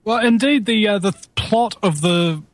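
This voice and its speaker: A man with a notably high voice interviews in a casual, conspiracy-minded way. He is hesitant, often searching for the next word. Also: moderate pace, a little hiss or hum.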